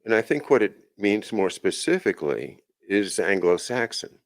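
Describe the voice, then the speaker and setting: A man's voice: on the low side, very animated, normal speed. A man hosting his own show, talking casually in a rambling monologue full of restarts and asides. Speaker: podcast host.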